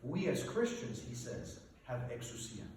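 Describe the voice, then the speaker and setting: A man, a priest, preaching a sermon in an emphatic, animated way, asking rhetorical questions of his congregation. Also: medium pitch, a little slow, background noise. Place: church sanctuary. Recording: echoey church from a distance.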